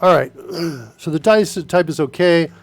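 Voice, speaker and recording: Soft music plays behind a dry recording of a man whose voice sits on the high side and runs a little slow. Stuffy-nosed, he streams himself coding live, chatting loosely with viewers and leaning heavily on fillers as he answers chat.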